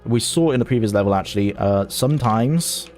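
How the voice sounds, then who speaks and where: A man's voice: fairly low pitch, animated, a little fast, darkish tone, soft background music. A man streaming a video game, chatting casually and thinking aloud in an amused way. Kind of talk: casual gameplay commentary.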